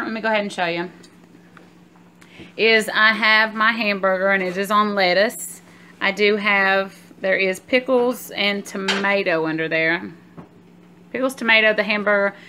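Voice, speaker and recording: A woman with a bright, pushed, medium-pitched voice chats informally with her viewers, calling them "guys," in a casual vlog. She's holding the phone at arm's length, and the amateur video is noisy.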